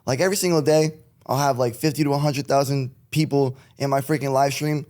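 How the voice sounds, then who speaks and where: A man's voice: mid-range voice, fairly even intonation, fairly quick, a little mellow. A young man from Connecticut, a rapper chatting as a podcast guest in a laid-back, rambling way with frequent laughs. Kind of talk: casual chat.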